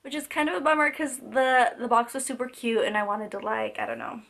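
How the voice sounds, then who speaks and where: A young woman with a cold-roughened voice walks viewers through a makeup look from her home, speaking a little fast in a fairly bright, higher-pitched tone. Her chatty beauty vlog wanders, with many "likes," "ums" and restarted sentences.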